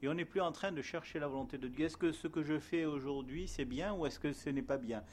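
A man's voice: a little high, fairly quick, darkish tone, slight background noise. A man giving a spoken testimony and sermon, telling his story in a hesitant way with many fillers, then earnestly exhorting his listeners.

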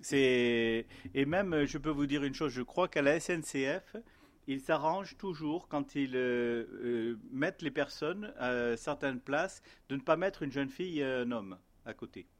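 A man's voice: medium pitch, measured pace. Man, casual testimony, hesitant, full of fillers, earnest. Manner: rambling, many hesitations and fillers; earnest, gently exhorting at the end.

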